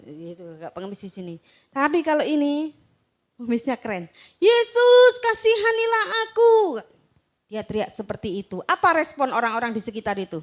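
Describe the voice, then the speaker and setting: High-voiced Indonesian woman preaching. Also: animated, a bit bright. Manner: slow, emphatic reading, then chatty storytelling with acted-out quotes. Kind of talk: sermon with Bible reading.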